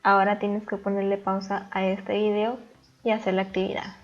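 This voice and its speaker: Female teacher, even mid-pitched voice, methodical explainer, muffled recording with soft music under it. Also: normal speed. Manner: calm, step-by-step explaining. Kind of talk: recorded grammar lesson.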